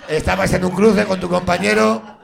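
Raspy high-voiced man joking on stage. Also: level tone. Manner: rapid, rambling, teasing, laughing at his own jokes. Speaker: host of a live comedy game show. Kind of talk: joking live banter with the audience. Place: stage in front of a live audience. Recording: live show with audience laughter. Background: audience laughing.

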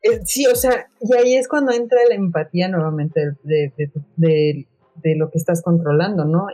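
Slangy Mexican woman with a mellow, husky voice. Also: fairly low pitch, moderate pace, faint music behind, rough recording. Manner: slangy, profane, opinionated. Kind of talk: casual chat about a video game.

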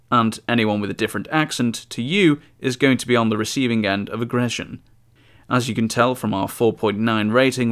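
Podcast guy reading out reviews and owner replies, dry and measured, mid pitch. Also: clear, resonant tone.

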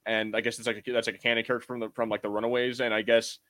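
A podcast co-host chats casually about pop culture, rambling and slangy. His medium-pitched voice is level in tone and a bit bright, and he talks at a racing pace.

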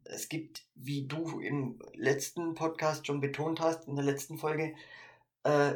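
A man co-hosting a casual podcast, thinking aloud with frequent fillers and restarts. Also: medium pitch. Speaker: podcast co-host.

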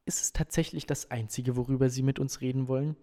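A man's voice: mid-range voice, steady tone, quick pace, warm tone, long reverb tail, natural voice. A man reading aloud, voicing a worried mother who asks pointed questions. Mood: probing.

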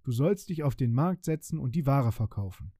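Male reader as a stern disguised-king beggar, firm and dark, dry close sound. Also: medium pitch, animated, moderate pace, no echo, natural voice. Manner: firm, scolding.

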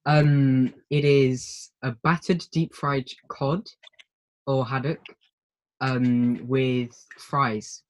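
A British man from the United Kingdom answering questions in a casual group video chat, pausing often with ums. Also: medium pitch, steady tone, poor audio. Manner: hesitant, many pauses and ums.

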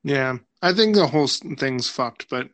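A man's voice: medium pitch, lively intonation, moderate pace, fairly bright tone. A man guesting on a podcast, chatting casually in a laid-back, rambling way, laughing often and swearing freely. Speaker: podcast guest, film director.

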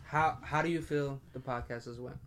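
A man's voice: mid-range voice, steady tone, moderate pace, crowd noise. A young man hosting a podcast, telling funny stories in casual, profane chat and laughing often. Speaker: podcast host.

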